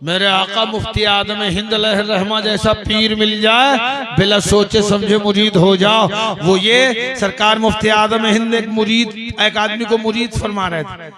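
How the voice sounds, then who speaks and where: A male preacher gives an impassioned religious speech, calling out to the crowd for responses and shouting at his peaks. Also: high voice, level tone. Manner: slow, shouted climaxes and call-and-response with the crowd. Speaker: Islamic preacher. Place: open-air religious gathering. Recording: crowd noise at a live gathering.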